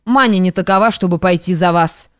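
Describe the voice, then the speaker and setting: A woman's voice: fairly low pitch, a little fast, smooth, no echo, studio quality, natural voice. A woman reading the part of a gloomy, blunt blind man who speaks with a sigh. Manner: gloomy, sighing. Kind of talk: audiobook reading.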